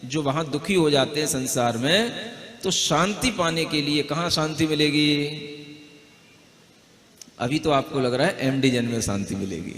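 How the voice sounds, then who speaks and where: A Jain monk with a fairly high, expressive, slightly bright voice gives a conversational devotional discourse that doubles as a recitation lesson, slowly modeling how to pronounce verses. He keeps checking in with the gathering, often asking "है ना?". The large hall gives the recording an echoey, long reverb.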